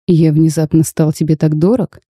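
Woman reading cursed dragon duke, male, curt, flat, reserved, storybook, dark mellow tone. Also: deep voice, moderate pace, no echo, studio quality. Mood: cold.

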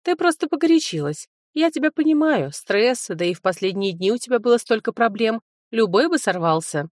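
A woman's voice: on the high side, animated, brisk, no echo, studio quality, pitched above the performer's own voice, natural voice. A woman reading an audiobook, voicing a sly, self-serving young man, a former fiancé. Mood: soothing.

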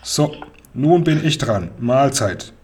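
A gruff, greedy robber from a storybook who barks commands and scoffs at everyone, as a man reads him aloud. His voice is husky and domineering. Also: mid-range voice, expressive, slow pace, a little mellow. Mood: mocking. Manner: barking, domineering, mocking. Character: gruff bossy male robber, greedy and mocking.

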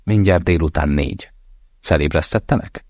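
A worried older mother pressing her son for attention over the phone, as a deep-voiced man puts her on. Her questions come insistent and fretful, in a dry, close audiobook recording. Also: darkish tone, dry recording. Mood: anxious. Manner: anxious, insistent.

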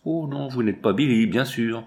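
A man voicing a jovial old male mountain trapper with a gruff, folksy, cackling manner. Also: medium pitch, moderate pace, darkish tone, close to an everyday voice. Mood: surprised.

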